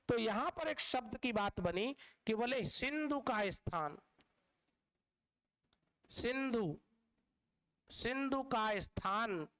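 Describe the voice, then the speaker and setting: A man with a high voice gives an exam-prep lesson, patient and repetitive, stretching out the key words. His tone is smooth and clear. He speaks to his students as dear children. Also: a bit bright, rough recording. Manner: drawn-out stressed words. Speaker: teacher. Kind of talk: exam-prep Hindi lecture.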